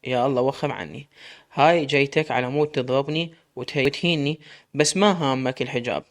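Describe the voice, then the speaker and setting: A man's voice: medium pitch, fairly even intonation, a little fast, close to an everyday voice. A man with an Iraqi accent reading the lines of a frightened but defiant young woman, pleading and pushing back. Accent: Iraqi Arabic.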